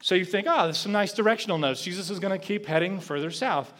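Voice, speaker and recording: Guy preaching, kinda high voice, gets loud then goes real soft. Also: fast talker. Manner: animated, rising for emphasis then dropping soft. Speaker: pastor. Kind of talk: sermon.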